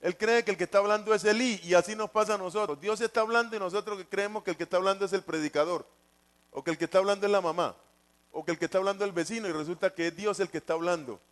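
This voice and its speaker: A man's voice: high voice, rapid-fire, fairly bright tone. A man preaching a sermon, repeating his points and putting questions to the congregation. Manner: repetitive, asks the congregation questions.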